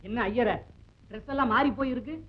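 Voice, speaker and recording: An actor playing a blunt street shopkeeper who mocks a customer and refuses him credit. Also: male voice, extremely high pitch, brisk. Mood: mocking. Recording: dull old film soundtrack.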